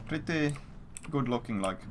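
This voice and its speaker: In a mid-range, expressive voice, a man slowly rambles through a crude, swear-heavy story for his stream viewers in a casual way. The stream audio is noisy, with keyboard sounds audible.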